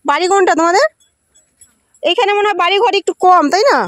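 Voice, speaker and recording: A woman's voice: very high voice, quick pace, a bit bright, no echo. A young woman vlogger chatting to her viewers as she walks outdoors along a muddy riverbank. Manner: chatty, talks straight to viewers while walking. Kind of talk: casual travel vlog.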